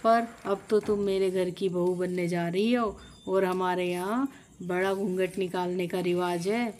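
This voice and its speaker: A woman's voice: fairly low pitch, fairly even intonation, a little slow, a little mellow, a little hiss or hum, lightly acted. A woman voicing a strict, traditional older mother-in-law who scolds and gives orders in a storybook tale. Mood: bossy. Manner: scolding, commanding.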